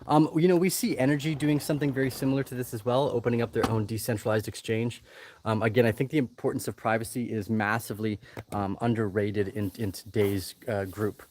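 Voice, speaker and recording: A man's voice: mid-range voice, steady tone, fairly quick, darkish tone. A man in his thirties hosting a casual livestream Q&A outdoors, talking loosely with lots of ums and restarts. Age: 30s. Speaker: livestream host. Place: outdoors in the jungle. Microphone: laptop mic.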